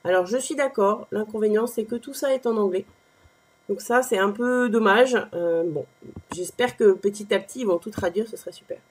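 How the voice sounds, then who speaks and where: A woman hosting a crafting tutorial, walking through a software page step by step with a conversational, explanatory manner and frequent fillers. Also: fairly high pitch, breathy edge. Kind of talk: screen-recorded software walkthrough.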